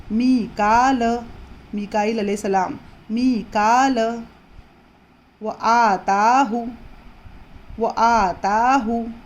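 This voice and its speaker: A woman teaching Quran reading in a patient, explanatory way, repeating words slowly and drawing them out. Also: a little high, mellow. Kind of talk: slow explanatory lesson.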